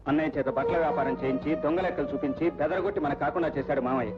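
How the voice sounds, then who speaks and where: A young actor playing an earnest, firm son in an old film. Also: male voice, on the high side, racing, natural voice. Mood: indignant. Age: young adult. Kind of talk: Telugu film dialogue. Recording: dull old film soundtrack with music.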